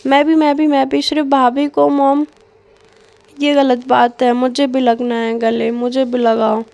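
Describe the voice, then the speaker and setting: Woman doing whiny playful young girl, kinda high pitched. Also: little pitch movement, a little slow, vocal fry, darkish tone. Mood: playful whining. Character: playful young sister-in-law, clingy and childish.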